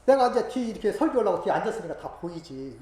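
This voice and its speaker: A woman preaching a sermon full of personal testimony, swinging from hushed asides to loud, emotional exclamations. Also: mid-range voice, big pitch swings, fast talker. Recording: roomy echo, faint background noise.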